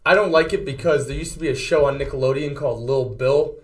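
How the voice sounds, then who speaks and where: A man's voice: a little high, quick pace. A man co-hosting a casual sports podcast, laid-back and giggly, often trailing off mid-sentence. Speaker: podcast co-host.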